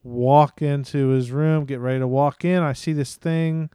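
A man in his thirties, a podcast co-host, telling a lively family story and acting out his kids' voices. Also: mid-range voice, measured pace, clean tone, no room sound, studio quality. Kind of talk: casual storytelling chat.

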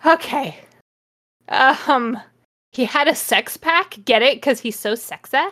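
A woman's voice: high-pitched, takes it slowly, pushed and bright. A woman co-hosting a comedy podcast, reading a fanfiction aloud with dramatic flair and frequent laughter. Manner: reads dramatically, breaks into laughter. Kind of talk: casual comedic reading and chat.

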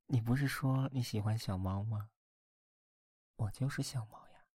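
A man's voice: lowish voice, darkish tone, husky, dry recording, clean studio sound. A man voicing a tender, teasing young boyfriend at bedtime in an ASMR role-play, murmuring intimately and coaxingly in binaural closeness to the listener's ear. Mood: playful teasing. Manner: slow, coaxing, playful. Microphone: very close binaural microphone, dry.

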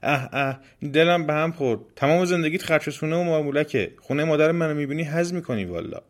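A man voicing a spoiled, rude young girl in a folk tale, shouting and scornful. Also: on the high side, voice pushed up, lightly acted. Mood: disgusted.

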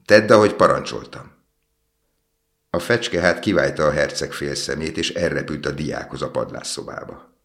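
Man, storybook reading, calm measured narration, extremely low voice.

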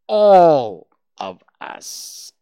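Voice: medium pitch, very animated, gravelly, a bit bright, voice pushed up, exaggerated voice. Storybook rabbit, pompous busy schemer, emphatic swoops in a raised voice performed by a narrator. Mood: indignant. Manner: brisk, self-important, deliberate.

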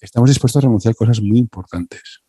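A man's voice: mid-range voice, fast, mellow, husky, no room sound, clean studio sound. A man, hosting a casual conversation and dropping wry joking asides. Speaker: podcast host.

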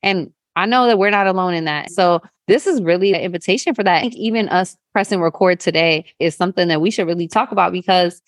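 A woman's voice: on the low side, quick pace, few pauses, no echo, studio quality. A woman co-hosting an unscripted casual podcast, candid and informal, talking with a slight lisp from a new retainer. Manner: speaking with a newly fitted retainer, slight lisp; candid, informal, says y'all. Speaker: podcast co-host.

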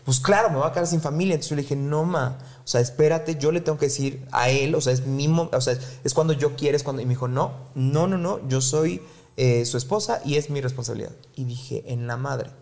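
A man with a Mexican Spanish accent tells a personal story as an interview guest. His mid-pitched voice carries a gravelly edge. He keeps the retelling lively and slips into the voices of his family. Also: fairly quick.

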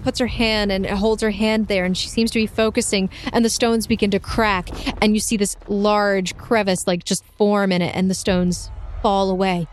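A woman running a tabletop game, improvising descriptive narration with pauses between phrases. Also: medium pitch, level tone, slight background noise. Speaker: game master. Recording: music behind the voice.

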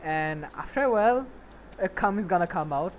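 A man's voice: sits high, lively intonation, moderate pace, phone-quality sound, a little hiss or hum. A young man, not a native English speaker, hosting a podcast and telling a crude story full of profanity and laughter. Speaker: podcast host. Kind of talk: casual chat.

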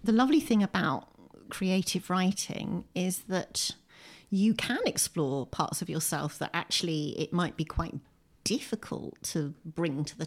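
Recorded indoors at home, this low-voiced British woman with a darkish tone is a poet and short story writer guesting on a podcast. In a reflective, anecdotal conversation she keeps chuckling and pokes fun at herself with wry humour.

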